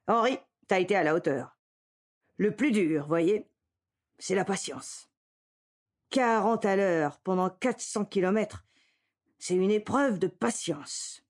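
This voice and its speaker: A woman reading the part of a tall, gruff, suspicious male hunter in a blunt, curt manner. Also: mid-range voice, lively intonation, slow, pauses often. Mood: earnest.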